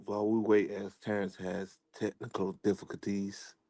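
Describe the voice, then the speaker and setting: A man's voice: lowish voice, little pitch movement, moderate pace, mellow, dry recording, clean studio sound. A man co-hosting a casual podcast, joking playfully while filling time. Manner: joking, playful self-promotion. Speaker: podcast co-host.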